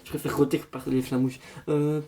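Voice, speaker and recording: A man's voice: mid-range voice, little pitch movement, fairly quick, warm tone. A man doing a parody horoscope reading, rambling in a mock-solemn fortune-teller manner. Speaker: comedian.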